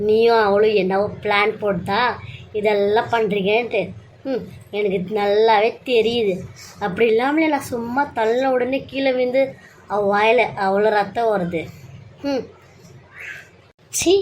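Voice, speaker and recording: A woman's voice: medium pitch, fairly even intonation, a little slow, long pauses, darkish tone, a little hiss or hum, natural voice, rough recording. A woman voicing a spiteful, scheming young woman of the household who sneers and makes accusations. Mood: sneering. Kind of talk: amateur serial-story voice acting.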